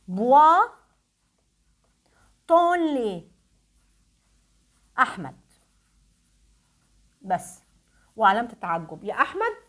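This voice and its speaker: A woman with an Egyptian accent runs a grammar review for school pupils. She talks fast with a lively, swinging pitch and a fairly high voice. Her voice sounds tired and strained, and she keeps asking them rhetorical questions. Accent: Egyptian Arabic. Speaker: French teacher.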